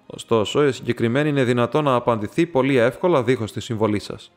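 A man's voice: medium pitch, faint music behind, natural voice. Male reader doing a cranky old academic, curt and hostile, audiobook. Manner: harsh, hostile. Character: irascible old male professor.

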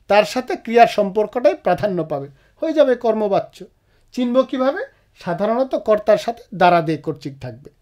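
A man's voice: high voice, mellow. A man with a Bangladeshi Bengali accent teaching a grammar lesson, explaining step by step and speaking directly to his students. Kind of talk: classroom-style video lesson.

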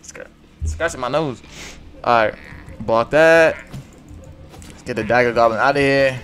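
A man's voice: medium pitch, measured pace, fairly bright tone. Young male gamer, muttered slangy commentary, faint music bed. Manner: mumbled, slangy running commentary. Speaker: gaming YouTuber. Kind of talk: casual gameplay commentary.

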